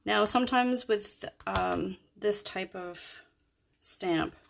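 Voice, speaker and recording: A woman's voice: medium pitch, slow pace, gravelly, slight background noise. A woman chatting through a card-making tutorial in a rambling, self-correcting way, with the hiccups. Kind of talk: casual craft tutorial.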